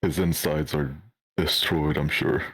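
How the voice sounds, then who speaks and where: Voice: rumbling low, steady tone, measured pace, a bit bright, slightly rough. A tabletop game streamer chatting casually in a sweary, teasing way. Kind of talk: casual chat.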